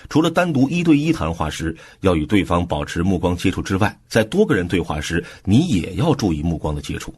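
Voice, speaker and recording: A man narrating a book summary for an audiobook in a relaxed, explanatory way, with soft filler particles. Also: low voice, fairly quick, hardly any pauses, slightly rough.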